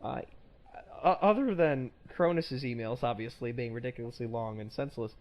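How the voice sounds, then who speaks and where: A man's voice: mid-range voice, moderate pace. A man hosting a casual podcast, rambling and self-correcting with a joking tone. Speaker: podcast host.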